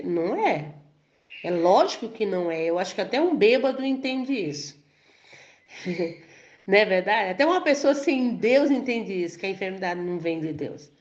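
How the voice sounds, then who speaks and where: A woman with a Brazilian Portuguese accent, giving a conversational sermon and often checking in with her listeners. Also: mid-range voice. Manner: chatty, keeps asking "entendeu?" and "amém?", laughs lightly. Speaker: preacher. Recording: dull lo-fi recording.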